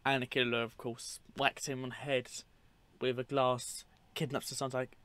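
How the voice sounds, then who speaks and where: A man with a mid-pitched voice comments casually on clips, without a script. He rambles as he explains, keeping a matter-of-fact tone and slipping in dry, offhand remarks. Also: little pitch movement, normal speed, a bit bright, smooth. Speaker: narrator of a film clip compilation.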